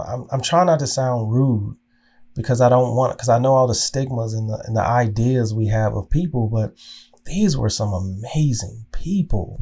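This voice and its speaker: Man from oklahoma, earnest reflective storytelling, halting restarts, mid-pitched voice, podcast host. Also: dark tone. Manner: halting, with frequent restarts and repeated words; earnest and emotional.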